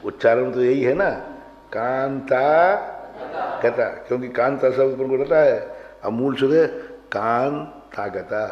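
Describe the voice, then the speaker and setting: A man's voice: mid-range voice, darkish tone. A man teaching a grammar class, quizzing his students and drilling them on pronunciation. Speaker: religious teacher. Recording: roomy hall, dull lo-fi sound.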